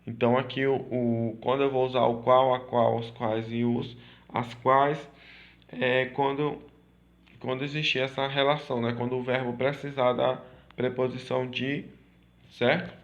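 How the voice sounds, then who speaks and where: A man teaching a grammar lesson, repeating points and checking in with quick tag questions. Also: mid-range voice, level tone, dull audio. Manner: repetitive, checks in with "certo?" and "tá?".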